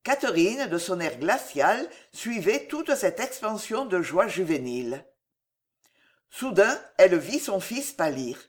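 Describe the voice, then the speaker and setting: Woman narrator, audiobook, expressive, animated intonation, dramatic storytelling. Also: mid-range voice, a little slow. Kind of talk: scripted narration of a historical novel.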